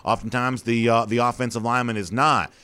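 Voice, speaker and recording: A man's voice: medium pitch, fairly even intonation, fairly quick, pushed and bright, smooth. A man hosting a sports talk show, thinking aloud in a conversational, opinionated way with plenty of fillers.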